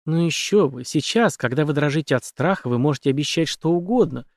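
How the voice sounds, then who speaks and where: Man playing a soft-spoken female killer, composed, menacing, lively raised voice, dry close sound. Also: fairly high pitch, fairly quick, no room sound. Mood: calm menace. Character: cold calm female killer, young woman.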